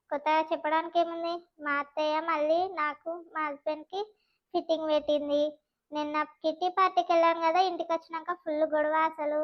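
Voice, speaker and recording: A woman's voice: sits high, lo-fi sound, lightly acted. A woman voicing a sulky young married daughter with a Telangana accent, complaining about her in-laws. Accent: Telangana Telugu.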